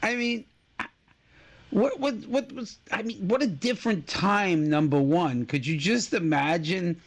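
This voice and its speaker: A man co-hosting a comedic trivia podcast, telling odd facts with a jokey, drawn-out delivery. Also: sits high. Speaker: podcast co-host.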